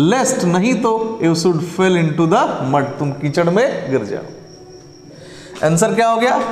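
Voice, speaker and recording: Slow, high-voiced man teaching grammar. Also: a little hiss or hum. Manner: explains step by step and keeps asking "Is that clear?"; speaks slowly and deliberately, dictating. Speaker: English teacher. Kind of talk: exam prep lesson explaining grammar answers. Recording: echoey room with long reverb.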